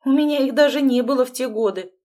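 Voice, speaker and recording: A reserved grown man who answers in short, guarded, exasperated bursts, as a woman reads his lines in an audiobook. The voice sits a touch raised. There is no deep masculine put-on. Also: quick pace, warm tone, close to an everyday voice. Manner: curt, defensive. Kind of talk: audiobook dialogue.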